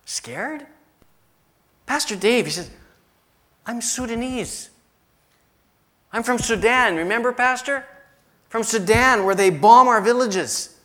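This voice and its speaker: Storytelling pastor preaching a sermon. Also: male voice, very high voice, slow, long pauses, sharp tone. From United States. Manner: storytelling with emphatic repetition.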